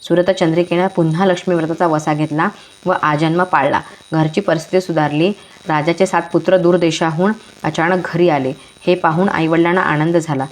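A woman narrating a devotional folk tale in measured, rhythmic short phrases. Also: low-pitched, steady tone.

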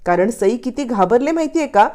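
A woman's voice: fairly high pitch, lively intonation, fairly quick, dark tone, natural voice. Give me a firm, earnest young mother, read by a woman. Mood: insistent. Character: firm, protective young stepmother.

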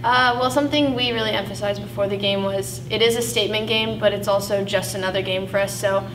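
A woman's voice: medium pitch, steady tone, fast. A young woman, a college basketball player, giving composed, matter-of-fact post-game answers. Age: young adult. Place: indoor press conference room. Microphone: table mic from a distance. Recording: echoey room with hum, distant mic.

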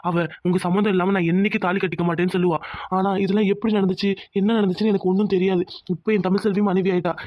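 A man's voice: sits high, dry recording, close to an everyday voice. A man voicing an earnest young husband in a cartoon who pleads with his father. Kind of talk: cartoon dubbing. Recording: dull lo-fi audio.

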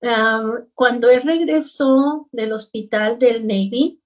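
A middle-aged woman, a grieving mother, telling her story slowly and haltingly in an interview. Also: fairly high pitch, far from the mic, lo-fi sound. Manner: slow, halting, heavy with grief. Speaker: guest, bereaved mother. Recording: voice from away from the mic.

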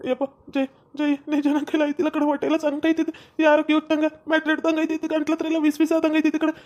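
A woman's voice: sits high, monotone, a little mellow, lo-fi sound, lightly acted. Woman playing a moaning sick village husband. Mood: groaning.

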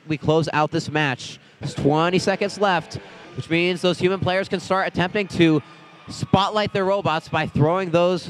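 A man with a slightly high voice calls a robotics match live, running steadily through team numbers and scores. A faint hum of event ambience sits behind him. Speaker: match announcer. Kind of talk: live play-by-play commentary. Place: robotics competition venue.

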